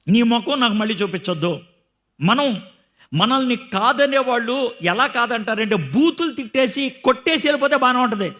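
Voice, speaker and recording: Bright high-voiced preacher man. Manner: teaching by questions to the audience, acting out quoted lines. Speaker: pastor. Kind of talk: sermon.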